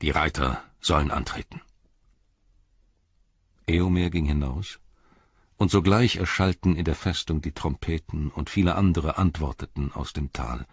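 A man narrating an audiobook in a steady, solemn reading style, in a dull lo-fi recording. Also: very deep voice, normal speed, breathy edge, no echo. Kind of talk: scripted narration.

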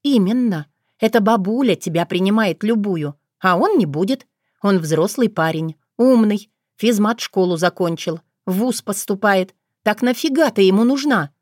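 Woman reads a storybook older sister, teasing and blunt, lively pitch, dry recording. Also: moderate pace, dry recording, close to an everyday voice. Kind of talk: audiobook character voice.

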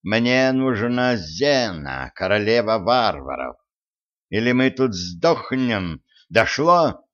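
A gruff warrior-sorcerer who barks short orders in a low voice, as voiced by a male audiobook reader. His delivery is slow and heavy, and the sound is muffled. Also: very animated, a bit bright, full character voice. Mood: commanding. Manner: barking orders.

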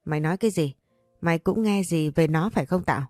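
A woman reads a sharp-tongued mother in a storybook, scolding and cutting, her voice a little low. The reading is close and dry, with faint music behind. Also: quick pace, no room sound, close to an everyday voice. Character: harsh scolding middle-aged mother, market seller.

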